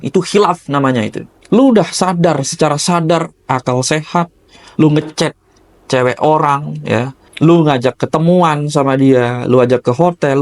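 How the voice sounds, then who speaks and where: A man giving a blunt motivational rant, scolding and crude as he confronts the listener. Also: fairly high pitch. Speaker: motivational speaker.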